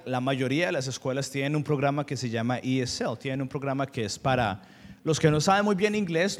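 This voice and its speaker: A young man from Colombia with a Colombian Spanish accent, preaching a sermon as a pastor, telling personal stories earnestly and slipping into English asides. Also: medium pitch. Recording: long hall reverb.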